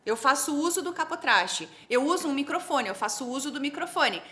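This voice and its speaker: A Brazilian woman who teaches English, explaining her method in a lively, teacherly way and quizzing the host. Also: high voice, brisk. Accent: Brazilian Portuguese. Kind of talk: explanatory interview talk.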